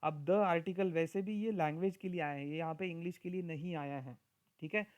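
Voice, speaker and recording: High-voiced teacher explaining grammar. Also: male voice, fairly even intonation, a little fast, a little mellow. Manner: explains step by step, often checks in with listeners; mixes Hindi and Marathi with English. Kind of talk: recorded lecture.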